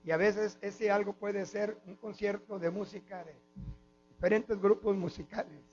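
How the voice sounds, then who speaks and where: A man's voice: sits high, fairly even intonation, moderate pace. A man with a Mexican Spanish accent preaching a sermon as pastor, often stopping on "amen" and addressing the congregation as brothers. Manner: preaching with repeated "mis hermanos" and "amén". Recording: dull lo-fi with mains hum.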